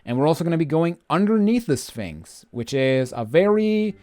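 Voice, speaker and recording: A man's voice: a little high, big pitch swings, moderate pace, a little mellow. Informal man doing game walkthrough commentary. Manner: informal, grumbling, rambling. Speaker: video game walkthrough host. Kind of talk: casual gameplay commentary.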